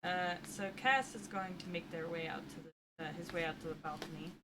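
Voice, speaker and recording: A woman playing a tabletop game, describing her character's actions in halting speech full of fillers. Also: fairly low pitch, steady tone. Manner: hesitant, halting, many fillers. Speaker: player. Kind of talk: casual tabletop play. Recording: noticeable background noise.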